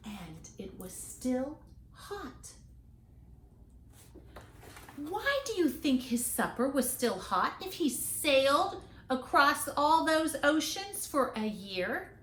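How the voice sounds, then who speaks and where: Her voice sits high and swings widely in pitch, with a fairly bright tone, as she reads expressively to young children from a picture book. Delivery is dramatic and drawn out with stressed words and chatty asides, in an echoey room with slight background noise.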